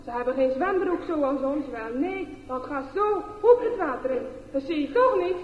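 A woman reading a children's story aloud in an expressive, animated way. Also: high-pitched, normal speed. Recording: echoey, dull lo-fi room recording.

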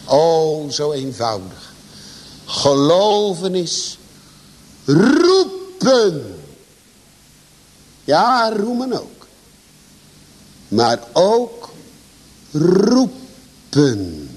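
A man preaches a sermon in a high, slow and deliberate voice. He drives his points home with sudden rises and drops in pitch and loudness. The recording carries a long reverb from a church. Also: huge pitch swings, breathy edge. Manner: preaching with emphatic swings in pitch and volume. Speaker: pastor.

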